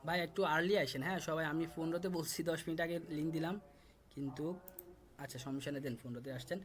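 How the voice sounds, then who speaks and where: A young man from Bangladesh leads a live online class over a call microphone. His voice sits a bit high, and he patiently repeats each word slowly for pronunciation. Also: steady tone. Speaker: German language teacher.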